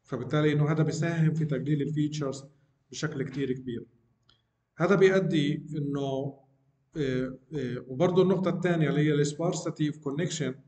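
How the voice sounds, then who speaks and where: A man's voice: fairly high pitch, quick pace, dark tone, echoey room. A middle-aged man giving a university lecture, explaining step by step and often checking in with "okay?". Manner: explanatory, frequent check-ins asking "okay?", mixes English technical terms. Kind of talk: university lecture on deep learning.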